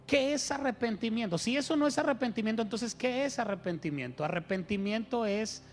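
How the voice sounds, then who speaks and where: A man's voice: high-pitched, fairly quick, soft background music. A man preaching a sermon as pastor, telling stories and asking his congregation rhetorical questions.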